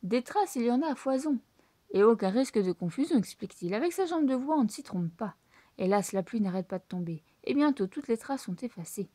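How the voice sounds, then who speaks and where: A woman reading a children's book aloud in French with lively, expressive storytelling. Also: on the high side, brisk, no room sound. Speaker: storybook reader.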